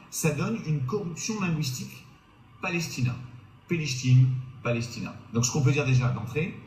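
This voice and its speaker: A man's voice: medium pitch, darkish tone, reverberant, rough recording. A man narrating a history lesson to his viewers, asking rhetorical questions and hesitating often as he explains. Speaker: history video presenter.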